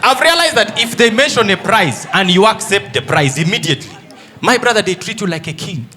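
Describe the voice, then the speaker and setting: A man's voice: high voice, lively intonation, brisk, sharp tone. A Ugandan man doing live stand-up comedy, telling stories and acting out the characters in dialogue. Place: live comedy stage before an audience. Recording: live show with faint crowd noise.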